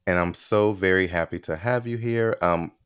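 A man's voice: deep voice, normal speed, a bit bright, clear, resonant tone, no room sound, clean studio sound. A man hosting a podcast interview, chatting enthusiastically with many fillers. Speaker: podcast host. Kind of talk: casual interview chat.

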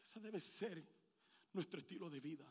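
A woman preacher delivering an impassioned sermon, repeating words and swinging between shouts and hushed tones. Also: fairly low pitch, moderate pace, breathy edge. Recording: long reverb of a hall.

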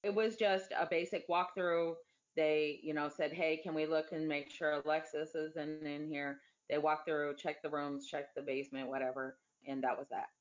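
A woman being interviewed, giving an unscripted account in a plain, deliberate, factual way. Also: deep voice, little pitch movement, lo-fi sound.

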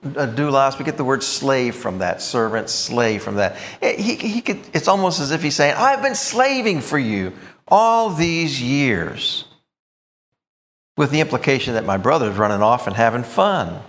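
Lively-voiced man preaching a sermon. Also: medium pitch, brisk, few pauses, long reverb tail. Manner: expressive, emphatic, with thoughtful asides.

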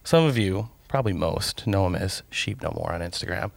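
A man's voice: low voice, lively intonation, fairly quick, gravelly, dry recording. A man hosting a casual talk show, reading sponsor plugs and bantering playfully. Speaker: podcast host.

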